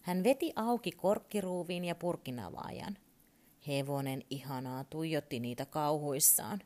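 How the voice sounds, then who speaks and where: A woman calmly and expressively reading a children's story aloud. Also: sits low.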